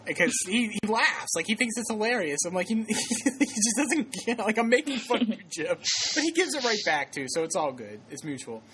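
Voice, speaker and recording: A man's voice: high-pitched, big pitch swings, a little fast, fairly bright tone, a little hiss or hum. A man hosting a casual podcast, telling stories in a rambling way with many fillers and restarts, often laughing. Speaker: podcast host.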